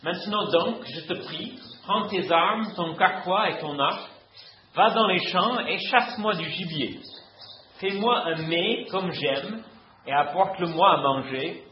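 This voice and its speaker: A man reading aloud, voicing a frail, solemn old father in a quavering, measured way. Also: high-pitched, slight background noise. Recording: roomy, dull lo-fi recording.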